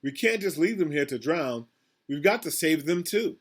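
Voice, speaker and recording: Man reading as an earnest, high-voiced ship captain. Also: expressive, normal speed, husky. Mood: earnest concern. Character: compassionate ship captain, concerned for drowning animals. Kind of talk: children's storybook character voice.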